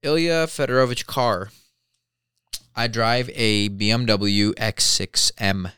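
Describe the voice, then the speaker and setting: Bright-voiced, low American man, blunt and slangy. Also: takes it slowly, smooth, dry recording, clean studio sound. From born in Belarus, moved to the US at three. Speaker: guest answering searched questions about himself. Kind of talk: casual chat.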